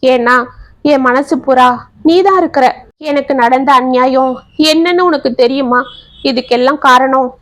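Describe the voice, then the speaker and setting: A woman's voice: sits high, moderate pace, a bit bright, no room sound. A woman voicing a heartbroken young man pleading with the woman he loves. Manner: pleading, emotional.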